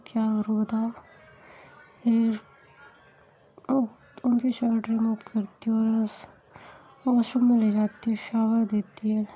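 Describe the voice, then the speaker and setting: Woman, whispered role-play, dark husky voice, flat even delivery, soft storytelling. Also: on the high side, rough recording. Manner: soft narration in frequent whispers, voicing all characters herself.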